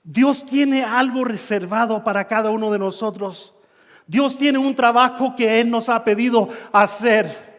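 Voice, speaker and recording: A man preaching a sermon, telling a personal story and acting out his own shouts and dialogue, in a church hall. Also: extremely high pitch, a little slow. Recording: long reverb of a church hall.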